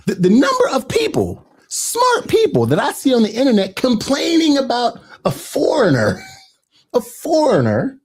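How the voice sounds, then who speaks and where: A man hosting an earnest, conversational commentary, growing animated as he talks. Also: very high voice, normal speed, husky. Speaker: host. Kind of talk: casual commentary.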